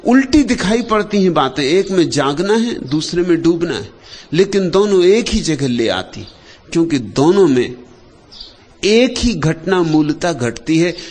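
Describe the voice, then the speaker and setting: Slow, lilting man giving a spiritual discourse. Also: sing-song. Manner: pausing between short phrases, dropping low and soft at the ends of thoughts. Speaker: spiritual speaker.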